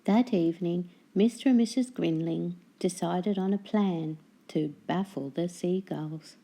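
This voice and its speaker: A woman reading a children's storybook aloud as narrator, with deliberate, dramatic phrasing. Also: lowish voice, mellow.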